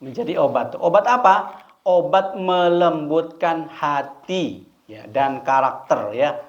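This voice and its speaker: A man's voice: fairly high pitch, takes it slowly. A man giving a conversational religious study talk, often asking and answering his own questions. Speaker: preacher. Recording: dull lo-fi recording.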